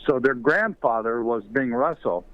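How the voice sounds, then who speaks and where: A man's voice: mid-range voice, expressive, moderate pace. Older man telling stories over a phone line. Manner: rambling anecdotal storytelling with many fillers. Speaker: interview guest, former ballplayer and author. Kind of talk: storytelling in a podcast interview.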